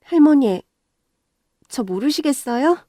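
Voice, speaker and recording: Lady doing a young rich gal in her thirties, earnest and teary, kinda high, dry sound. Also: expressive, slow pace, dark tone, dry recording. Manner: pleading, emotional. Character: young wealthy woman in her early thirties, kind and tearful.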